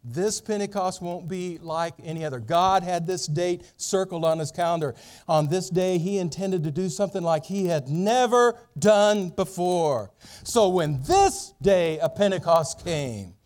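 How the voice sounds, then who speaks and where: A middle-aged pastor with a voice on the high side preaches an expository sermon, telling the story dramatically with big swings in loudness.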